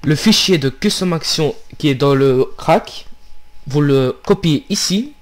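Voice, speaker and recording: A man talks through a software tutorial at his computer in a casual, unscripted way. He hesitates often and restarts his phrases as he walks through each step, recorded on a desktop microphone. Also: a little high, expressive, unhurried. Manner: hesitant, many fillers and restarts, steps through clicks. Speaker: tutorial maker.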